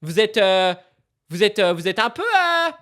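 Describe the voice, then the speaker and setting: A man streaming live, chatting sarcastically about celebrity news and often turning loud and mock-outraged. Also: high-pitched, very animated, a little slow. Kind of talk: casual live-stream commentary.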